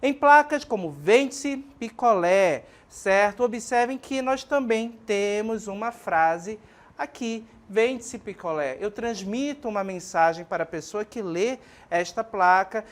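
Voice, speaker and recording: Didactic Brazilian woman teacher. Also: mid-range voice. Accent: Brazilian Portuguese. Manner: didactic, frequent checking questions like ok and certo; addresses students warmly as minha gente and pessoal. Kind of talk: televised classroom lesson.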